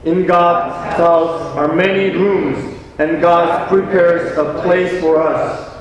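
A young man with a Korean accent, a pastor delivering an earnest, emphatic sermon with deliberate pauses. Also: sits high. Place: small church sanctuary. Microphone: room mic from a distant camera. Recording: echoey church from far off.

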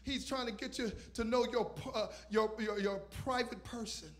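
A man with a strikingly high voice preaching a sermon from a church stage, holding a microphone in his hand. He swings from loud, shouted declarations down to hushed, almost whispered asides. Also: fairly even intonation, moderate pace. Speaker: visiting pastor. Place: church stage with purple lights. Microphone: handheld microphone.

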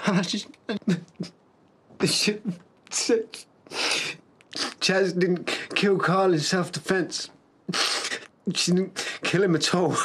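A stammering, guilt-ridden confessor. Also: male voice, on the high side, a bit bright. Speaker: actor in a TV soap. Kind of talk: naturalistic TV drama acting.

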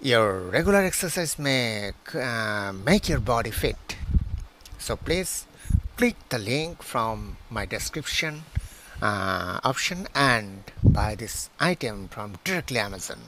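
Man pitching a product, slow delivery with lots of pauses, lively pitch. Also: noisy background. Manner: halting, many hesitations, reads list items one by one. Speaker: pharmacist and channel host. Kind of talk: product promotion, reading out specs. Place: outdoors beside plants. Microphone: phone held at arm's length.

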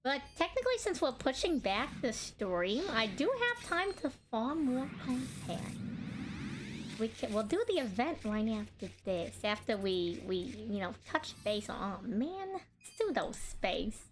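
A woman's voice: a little high, sing-song, unhurried, slight background noise. A woman streaming a card game, chatting casually and bubbly, laughing often and talking while she eats.

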